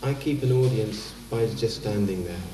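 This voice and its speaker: A man, a street performer interviewed for TV, talking calmly and hesitantly with many pauses. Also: on the low side. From France, raised in England. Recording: roomy echo, distant mic.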